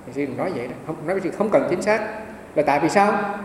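Monk guy telling stories in a sermon, slightly high voice, faint hiss in the background. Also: animated, fast talker. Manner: rambling, repeats small words often. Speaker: Buddhist monk. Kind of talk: dharma talk with anecdotes. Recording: echoey hall, mic far off, faint hiss.

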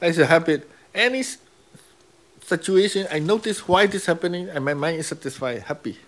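With a fairly high, lively voice and a slightly fast pace, a Burmese-accented man from Myanmar teaches meditation in a dialogue with students. His English is simple and grammatically broken; he repeats important words and keeps asking "right?".

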